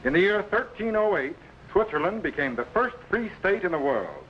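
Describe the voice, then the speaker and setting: An actor playing an authoritative, heroic time-traveling captain and mentor in an old-time children's science fiction serial. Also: male voice, high voice, big pitch swings, normal speed, lo-fi sound. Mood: instructive. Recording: slightly noisy vintage serial recording.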